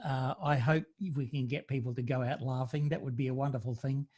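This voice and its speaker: A man's voice: medium pitch, fairly even intonation, a little fast, a little mellow, slightly rough. A man hosting a podcast interview, bantering and joking with his guest. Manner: jokey, playful banter. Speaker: podcast host. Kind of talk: casual interview chat.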